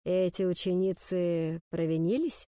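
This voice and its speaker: A woman voicing a stern male school headmaster who speaks slowly and heavily in a dry audiobook reading. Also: lowish voice, dark tone, smooth, no echo, close to an everyday voice. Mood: cold. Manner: slow, heavy, deliberate.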